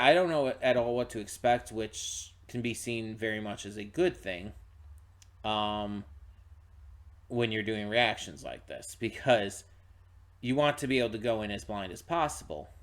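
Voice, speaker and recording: A man's voice: on the low side, measured pace, pauses often. Rambling, tired-sounding male reaction host. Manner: rambling, restarts often, frequent fillers. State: tired, yawning. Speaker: channel host. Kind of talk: casual pre-reaction talk to camera.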